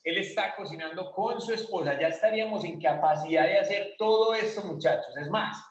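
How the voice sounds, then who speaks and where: A man's voice: sits high, a little fast, a little hiss or hum. A man teaching an English grammar lesson, explaining step by step and answering his own questions. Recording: roomy, distant, dull classroom recording.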